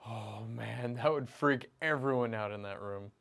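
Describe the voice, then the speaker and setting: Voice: mid-range voice, measured pace, gravelly, fairly bright tone. A movie reaction co-host chatting casually, exclaiming and laughing as the film plays. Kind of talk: casual chat.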